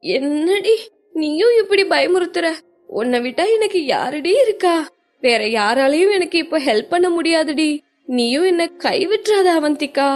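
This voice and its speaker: A woman's voice: sits high, normal speed, a little mellow, soft background music, close to an everyday voice. A woman voicing a panicked young woman who pleads with her friend, sobbing between her words, in an audio story. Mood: tearful pleading.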